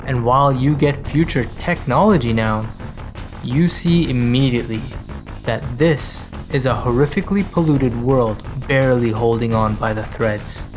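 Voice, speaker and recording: A man narrating a script dramatically, in short, emphatic, weighty phrases. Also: mid-range voice. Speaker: video essay narrator. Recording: loud music under the voice. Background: music.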